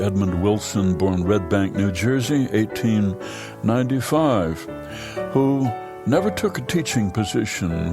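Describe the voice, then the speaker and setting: An older American radio host with a low voice narrates a scripted almanac in an unhurried, storytelling style marked by long pauses. It is a dry studio voice-over backed by soft music.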